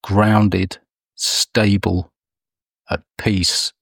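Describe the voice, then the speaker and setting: A man leading a guided meditation, speaking softly and soothingly with long pauses. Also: lowish voice, little pitch movement, gravelly, slightly rough, no echo, clean studio sound. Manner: slow, soft, soothing delivery with long pauses.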